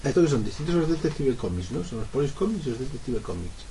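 A man's voice: mid-range voice, very animated, quick pace, dark tone, a little hiss or hum, poor audio. A man co-hosting a podcast, playful and jokey in casual banter. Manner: playful, breaks into sung snippets and repeated catchphrases. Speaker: podcast co-host.

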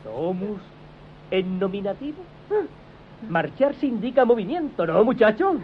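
A man's voice: high-pitched, sing-song, a little slow. A male voice actor dubbing a stern Roman centurion who drills a pupil in a barking, threatening schoolmaster manner. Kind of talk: dubbed film comedy. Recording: dull lo-fi film audio with loud hiss.

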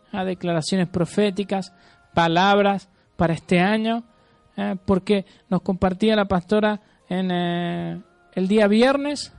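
A man's voice: high-pitched, darkish tone, no room sound. Guy preaching hard, lots of "ah?" check-ins, calls out amens, dry sound with a little music under it. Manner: emphatic, keeps checking in with a questioning "¿ah?"; leads the congregation in amens and applause. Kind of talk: sermon with prophetic declarations.

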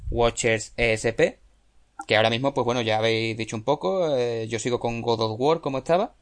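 A man's voice: mid-range voice, fairly quick. A man with a Spanish accent from Spain, hosting a casual podcast chat with friends in a laid-back, joking way and closing with show plugs. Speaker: podcast host.

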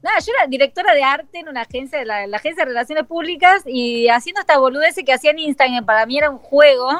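A woman's voice: sits high, quick pace, no echo. Chatty young woman with a Tucumán accent. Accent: Tucumán Argentine Spanish. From Tucumán, Argentina. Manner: chatty storyteller, lively and informal. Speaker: guest. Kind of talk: casual chat.

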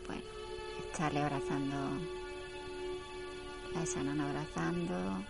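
A woman's voice: deep voice, fairly even intonation, slow pace, gravelly, over loud music. A woman giving casual, teasing running commentary on a TV episode. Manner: chatty, teasing, laughs often.

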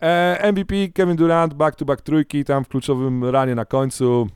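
A man co-hosting a podcast, chatting casually in an animated, rambling way and often correcting himself mid-sentence. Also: on the high side, normal speed, smooth, no echo, studio quality. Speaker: podcast co-host. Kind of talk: casual chat.

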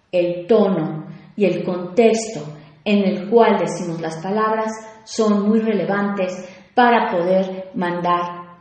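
A woman's voice: mid-range voice, a little mellow, heavy reverb. A woman hosting a radio talk show on personal growth, speaking reflectively and asking her listeners questions.

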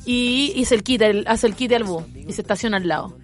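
A woman with a Chilean accent, co-hosting a radio show in casual chat and telling animated stories with plenty of laughter. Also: a little high, a little fast, faint music behind. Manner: animated storyteller, laughs often. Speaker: radio co-host. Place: radio studio.

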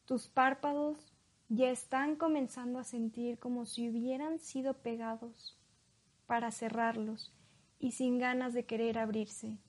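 A woman leading a guided hypnosis in a slow, soothing hypnotist voice, leaving long pauses between phrases. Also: on the high side, darkish tone.

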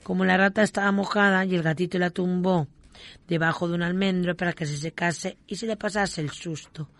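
Gentle storyteller reading a folk tale. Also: mid-range voice, steady tone, fairly quick, no room sound.

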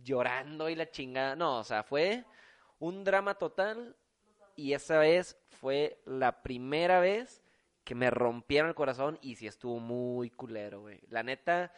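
A man's voice: mid-range voice, animated, measured pace, clear, resonant tone. Slangy young mexican guy. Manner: slangy and profane, peppering every phrase with "güey". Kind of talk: casual storytelling among friends.

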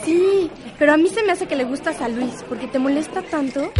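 A woman's voice: sits high, expressive, a little fast. A woman playing a shy teenage schoolgirl in an educational radio drama, chatty and full of exclamations. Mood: gossipy. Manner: gossipy, exclamatory "ay". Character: teenage girl Fer, shy about her crush.

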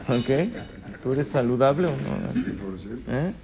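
A man's voice: mid-range voice, animated, very slow, music in the background. A man leading a religious class, who poses questions to his listeners, answers them himself and slips in light jokes. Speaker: rabbi teaching a class. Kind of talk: Torah lesson in Spanish with Hebrew terms.

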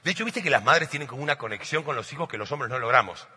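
A middle-aged man from Argentina with an Argentine Spanish accent, a motivational speaker and coach telling animated stories to an audience and often asking "¿sí?". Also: medium pitch, rapid-fire, slightly rough. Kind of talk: storytelling talk to a live audience. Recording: long hall reverb.

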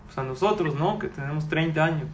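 A man in his forties leads a religious class before a live audience, his voice sitting a little high for a man. He keeps it animated and peppers the room with rhetorical questions. The sound is roomy and echoey, with a faint hum of noise underneath. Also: a little fast. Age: 40s. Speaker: Torah teacher.

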